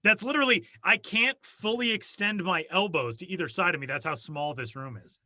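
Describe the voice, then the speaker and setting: In a casual podcast chat, a male co-host jokes about himself and rambles, speaking a little fast in a high-pitched, pushed, bright voice without echo. He's in a small soundproofed closet studio, on a home studio mic over video call.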